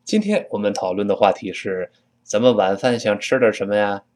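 A middle-aged man with a Mandarin Chinese accent teaching spoken English, jumping higher in pitch whenever he models the English phrases. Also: fairly quick. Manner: lively, rises high when modeling English phrases.

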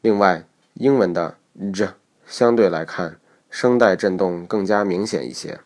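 A man with a very low voice narrates a pronunciation lesson. He explains each point step by step in a measured way. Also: darkish tone. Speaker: English pronunciation teacher.

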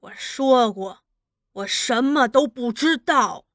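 A woman's voice: on the high side, takes it slowly, a bit bright, no echo, studio quality. A woman voicing a stubborn old peasant man who answers curtly and scornfully. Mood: defiant. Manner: curt, scornful, unyielding.

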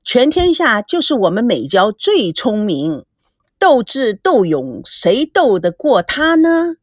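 A woman's voice: a little high, very animated, slow pace, no room sound, clean studio sound, heavily acted. A woman doing a jovial big-brother businessman. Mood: amused. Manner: jovial and fond. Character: indulgent older brother, smooth businessman.

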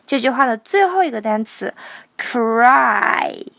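A woman teaching a song line by line, patiently explaining pronunciation and slowly singing out each sound. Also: sits high, animated, no room sound.

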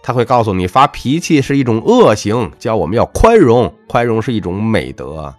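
A man giving a motivational monologue with a personal story, talking emphatically in a lecturing way and letting his phrases drop low at the end. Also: big pitch swings, moderate pace, dry recording, soft background music. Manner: emphatic, lecturing, swings between punchy highs and dropped low endings. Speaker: self-help speaker.

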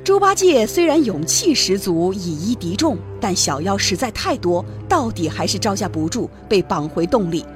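A woman narrating a children's story in an expressive, lively way. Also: mid-range voice, normal speed, few pauses, soft background music.

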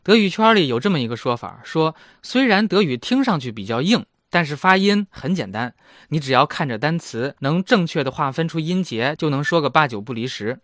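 A man's voice: fairly high pitch, sing-song, a little fast, fairly bright tone, dry recording, studio quality. A man in his thirties hosting a casual language lesson, chatty and self-mocking. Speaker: German language teacher and host.

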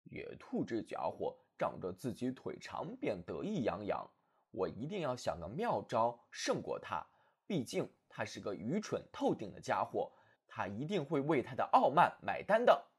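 A man voicing a small, proud, quick-witted male hedgehog in a storybook reading, in a slightly lowered, husky voice. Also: very animated. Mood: scheming. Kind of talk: storybook narration.

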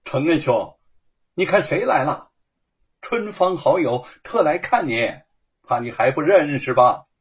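A man voicing Shen Kun, a boisterous male scholar in a told story, teasing his friend loudly. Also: a little high, expressive, unhurried, slightly rough, dull audio. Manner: teasing, loud.

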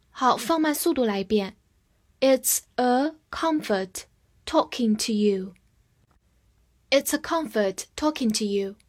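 Casting note: woman English teacher, first language Chinese, fairly high voice, unhurried and careful delivery. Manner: spells words letter by letter and reads sentences slowly for repetition. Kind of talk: slow, clear vocabulary lesson.

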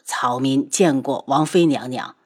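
A deferential male physician reports to his mistress, as a woman narrator lowers her voice for him. The tone sits well below her usual, humble and subdued. Audiobook drama. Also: a little slow, darkish tone, husky, full character voice. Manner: lowered, respectful voice.

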